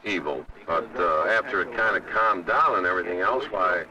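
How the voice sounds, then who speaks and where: A man's voice: sits low, moderate pace, muffled recording, a crowd in the background. A man talking in a plainspoken, wry way. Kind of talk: casual talk. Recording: distant noisy 1960s film sound.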